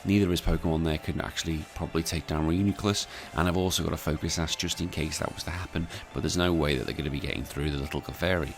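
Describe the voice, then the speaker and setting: Very deep, subdued British man talking quietly at night. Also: steady tone, quick pace, few pauses. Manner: subdued, hushed voice kept down at night. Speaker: gaming content creator. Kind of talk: casual game battle commentary. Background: clear background music.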